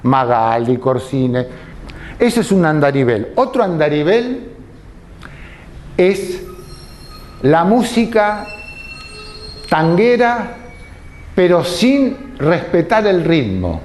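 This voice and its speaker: A man lecturing at an unhurried, measured pace. His fairly high voice rises and falls widely as he explains, stopping to pose rhetorical questions before answering them himself. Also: big pitch swings, darkish tone. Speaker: tango lecturer.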